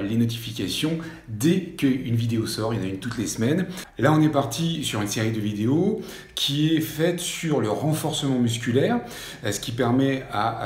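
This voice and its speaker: A life coach in his fifties leads a strength workout video from a room at home with an exercise mat, speaking in a soft, mellow, medium-pitched voice. He gently reassures listeners, repeats that they shouldn't strain, and hesitates often. He sounds far from the mic in a very echoey room, with faint music underneath and a little hiss or hum.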